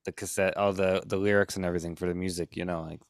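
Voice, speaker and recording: A man's voice: sits low, level tone, fast, creaky, clean tone, no room sound, studio quality. A man hosting a podcast, talking in a rambling casual way full of "like" and "you know". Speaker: podcast host. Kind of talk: casual interview chat.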